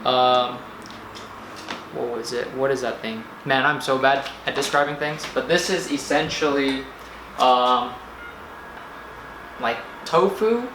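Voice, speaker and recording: Man, casual food vlogger, medium pitch, halting and rambling delivery, echoey room, faint background noise. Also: steady tone. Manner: rambling, halting, searches for words. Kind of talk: casual vlog narration to camera.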